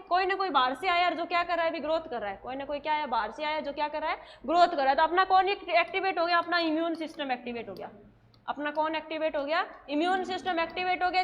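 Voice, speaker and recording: A woman's voice: very high-pitched, fairly bright tone, dull audio, slight background noise. A woman teaching a nursing class in a lecture style, asking questions and answering them herself.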